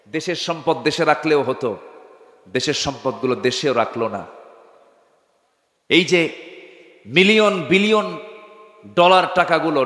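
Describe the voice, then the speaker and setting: A man preaching an impassioned waz sermon. He builds to high shouted peaks and calls out for crowd responses. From Bangladesh. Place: large open-air sermon gathering. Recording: echoey hall-like PA reverb.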